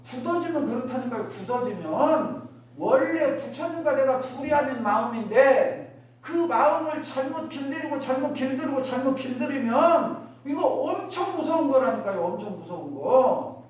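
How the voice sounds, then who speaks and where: This woman's high, expressive, slightly mellow voice carries a Won Buddhist dharma talk at a moderate pace. Addressing her congregation, she asks rhetorical questions and acts out everyday remarks in other voices; the worship hall echoes, the mic is distant, and there's faint noise.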